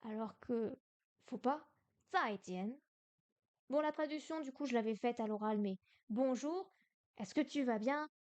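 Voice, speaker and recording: A woman's voice: on the high side, normal speed, dark tone, lo-fi sound. A young woman from France in a casual livestream study session, repeating syllables aloud and exaggerating the tones. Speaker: streamer learning Chinese.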